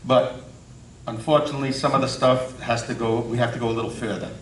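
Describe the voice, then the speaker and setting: A man giving a halting, informal report and announcements as a board member. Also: medium pitch, fairly even intonation. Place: indoor meeting room, far from mic. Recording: distant, echoey room with faint noise.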